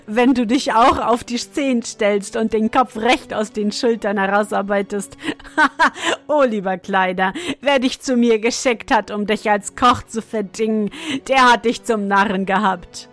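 Woman voicing a mocking male head cook, laughing, loud, high, storybook. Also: normal speed, soft background music, close to an everyday voice.

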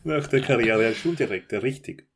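An Austrian man chats over a remote call as a podcast co-host. His voice sits at a middle pitch. He slips into playful mock announcer calls now and then. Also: a little fast. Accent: Austrian German. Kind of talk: casual chat. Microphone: remote call, Skype.

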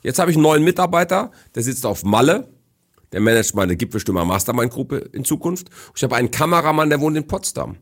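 Assertive husky middle-aged man. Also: mid-range voice, very animated, fast talker. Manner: assertive, declarative, lecturing. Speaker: guest, business speaker. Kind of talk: casual podcast conversation.

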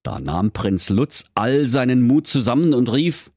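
A man's voice: mid-range voice, lively intonation, measured pace, darkish tone, no room sound, clean studio sound. A man narrating a comic fairy tale playfully and theatrically, full of wordplay. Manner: playful, theatrical, pun-filled. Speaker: storyteller.

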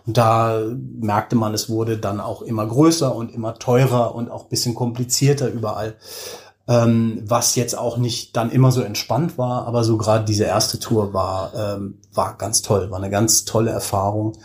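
With a level tone and moderate pace, this low-voiced man is an audio drama director guesting in an interview. He shares stories in a colloquial, self-mocking manner, performing the lines he quotes from others.

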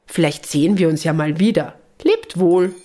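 Woman reading a friendly male figure, light and warm, storybook. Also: fairly low pitch, normal speed, close to an everyday voice.

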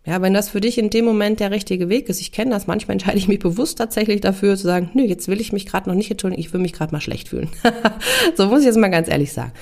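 Woman podcast host with a gravelly, mellow voice, chatting warmly to listeners. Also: medium pitch. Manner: checks in with the listener with frequent "ja?". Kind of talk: conversational podcast monologue.

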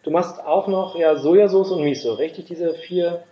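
A man hosts a casual interview podcast from a workshop. His voice sits a little high, and he keeps stopping to reach for words with fillers and restarts. The room is echoey and the recording sounds dull and lo-fi. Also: normal speed. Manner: hesitant, many fillers and restarts. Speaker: podcast host. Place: workshop in a city. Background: production noise.

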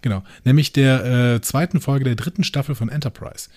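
A man's voice: mid-range voice, brisk, darkish tone, no room sound, studio quality. A man co-hosting a casual podcast, quizzing his partner with episode trivia and mocking himself along the way. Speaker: podcast co-host.

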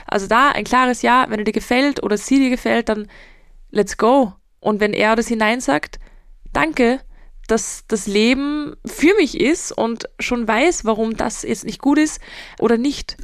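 A woman's voice: on the high side, dry recording, clean studio sound. A woman hosts a solo podcast, answering listener questions in a direct, emphatic, motivational way. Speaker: podcast host and mental coach.

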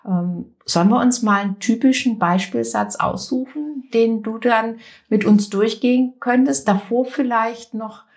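A woman's voice: a little high, measured pace. Woman podcast host guiding an interview. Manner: friendly, guiding questions. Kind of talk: casual interview conversation.

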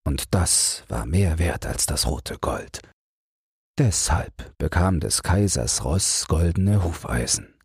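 Deep raspy guy reading a bedtime fairy tale, slow and sing-songy. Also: animated, darkish tone, no echo, studio quality. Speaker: audiobook narrator. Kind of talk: calm bedtime audiobook narration.

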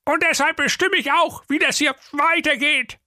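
A man's voice: extremely high pitch, fairly even intonation, moderate pace, sharp tone, dry recording, clean studio sound, voice pushed up, full character voice. A man voicing a bossy, impatient male donkey in a comic audio fairy tale. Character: bossy male donkey, laid-off railway crossing keeper.

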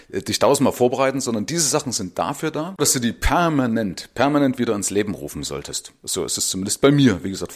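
A man's voice: medium pitch, breathy edge. A man hosting a podcast, talking casually and directly to the listener, often adding little tag questions. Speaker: podcast host. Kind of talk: casual spoken monologue addressed to the listener.

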